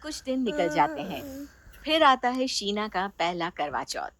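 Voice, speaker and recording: A woman's voice: mid-range voice, sing-song, unhurried, fairly bright tone, no echo. A woman narrating a family storybook in a plain storytelling manner.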